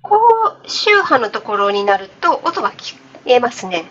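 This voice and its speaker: A woman's voice: mid-range voice, very animated, moderate pace, fairly bright tone, dull audio, a little hiss or hum. A woman with a Kansai accent, hosting a casual radio interview over a video call. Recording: video call with faint music.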